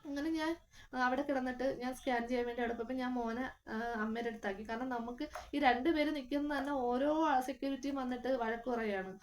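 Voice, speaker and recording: Young woman vlogger, high voice, earnest, emotional storytelling; faint noise behind. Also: brisk. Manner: earnest, emotional retelling with many fillers. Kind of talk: casual personal storytelling.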